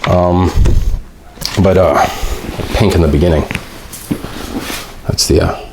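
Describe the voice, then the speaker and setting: A man reading a text aloud and commenting on it, halting often with pauses and restarts, and reading slowly and deliberately. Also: sits low, steady tone, vocal fry, background noise. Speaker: video host.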